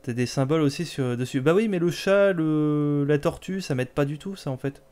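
A man's voice: on the high side, moderate pace, warm tone, clean tone. A man giving casual, joking commentary while playing a video game, talking back to it sarcastically. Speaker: let's play host.

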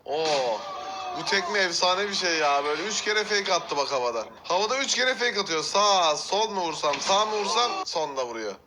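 A man's voice: high-pitched, lively intonation, moderate pace, noisy background. A man hosting a casual reaction video, exclaiming and laughing often as he comments on clips.

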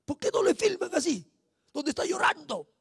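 Peruvian man, fiery evangelistic preacher, very high shouting voice, gravelly, repetitive praise exclamations. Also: sing-song, normal speed, no room sound, studio quality. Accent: Peruvian Spanish. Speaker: street preacher.

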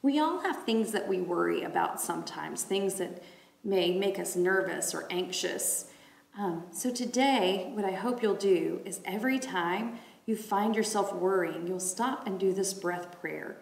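A middle-aged woman leading a church devotion and reading scripture with measured, deliberate phrasing. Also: medium pitch, expressive, vocal fry. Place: large wood-panelled room indoors. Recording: echoey indoor room.

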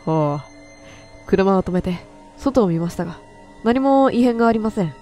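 A game streamer plays a horror game and reads its stories aloud in an expressive, medium-pitched voice at normal speed, with a dark tone over soft background music. She is chatty, talking to herself and quipping at the text, and often stumbles and corrects herself while reading.

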